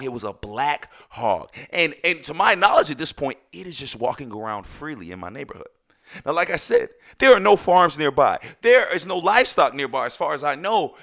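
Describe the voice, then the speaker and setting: A man's voice: a little high, very animated, moderate pace, creaky, fairly bright tone. A man hosting a podcast in a casual solo monologue, speaking emphatically and repeating phrases for effect. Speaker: podcast host.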